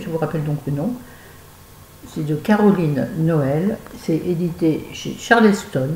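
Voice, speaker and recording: Woman, casual book review, digressive, mellow tone, echoey room with faint hum. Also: low-pitched. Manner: chatty, digressive, addresses viewers directly. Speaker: book vlogger. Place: at home with a fan nearby.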